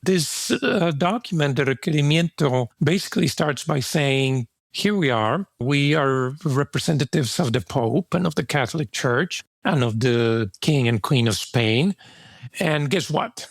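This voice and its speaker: Gravelly man from Mexico, reflective. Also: fairly high pitch, animated, unhurried, no echo. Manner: reflective, with fillers and restarts. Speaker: guest author. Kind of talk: thoughtful interview answers.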